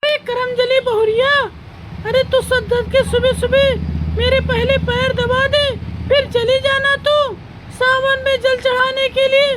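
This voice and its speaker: A bossy older mother-in-law in a cartoon comedy, voiced by a woman, scolds and grumbles in a very high, flat sing-song. Loud noise sits behind the voice. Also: measured pace. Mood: scolding. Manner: scolding, insulting, loud complaining. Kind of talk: cartoon voice acting.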